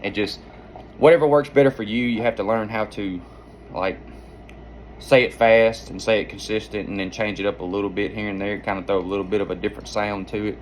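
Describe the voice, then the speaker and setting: A man with a low voice walks through a practical tutorial in an informal, folksy manner. His explanations ramble along like those of an amateur outdoorsman showing a skill. There is some noise behind him. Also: fairly even intonation, a little fast, poor audio. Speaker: duck-calling instructor and hunter.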